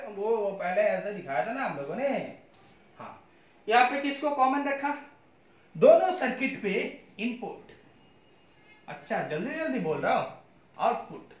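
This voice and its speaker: Echoey physics teacher lecturing. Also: male voice, extremely high pitch, fairly bright tone. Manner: mixes English terms into Hindi, asks students questions often. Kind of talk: classroom lecture. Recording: echoey room.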